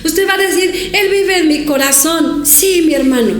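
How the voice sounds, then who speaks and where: A woman pastor preaching a sermon to her congregation and to viewers at home, emphatic and repetitive, rising to shouts when she voices prayers. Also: extremely high pitch, normal speed, roomy sound. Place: church hall, streamed to viewers.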